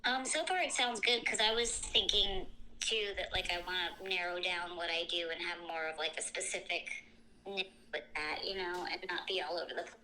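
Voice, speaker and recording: A woman's voice: lowish voice, steady tone, normal speed, bright, forceful tone, a little hiss or hum, poor audio. A woman talking casually and informally over the phone, hedging and trailing off mid-thought. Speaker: content creator, prospective client. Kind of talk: casual chat on a phone call.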